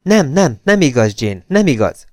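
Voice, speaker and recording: A man's voice: on the high side, sing-song, dry recording, clean studio sound, voice pushed up. Man voicing a wheedling, scheming woman. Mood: pleading. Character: jealous scheming young woman, pleading.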